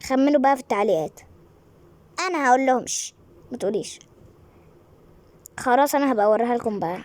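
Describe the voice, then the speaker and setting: An Egyptian woman in her thirties giving chatty, excited commentary on a mobile game at home, now and then hushing her children. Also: on the high side, fast talker. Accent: Egyptian Arabic. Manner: excited, chatty, scolding kids aside. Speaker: gaming YouTuber. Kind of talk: casual gameplay commentary.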